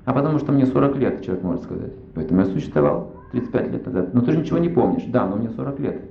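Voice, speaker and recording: A man's voice: mid-range voice, expressive, racing, vocal fry, a little hiss or hum. A man giving a religious lecture, reasoning aloud and asking himself rhetorical questions. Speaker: spiritual lecturer. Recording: roomy, slightly dull recording.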